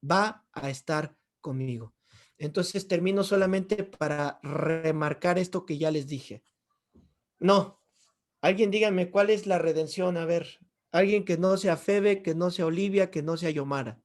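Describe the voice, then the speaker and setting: A man's voice: sits high, unhurried. Man teaching a Bible class. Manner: asks the class rhetorical questions and answers them. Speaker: theology teacher.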